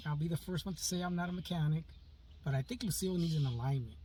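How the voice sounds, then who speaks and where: A man with a fairly high, mellow voice talks fast as co-host of a casual podcast, sitting outdoors in an open-top Jeep. He rambles, repeats himself, and tosses in corny dad jokes. He's far from the mic, and there's faint noise.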